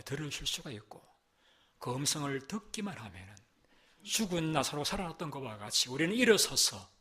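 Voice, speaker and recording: A male pastor giving a Sunday sermon, emphatic and repetitive, swinging between loud stressed phrases and soft low passages, with rhetorical questions to the congregation. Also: slightly rough.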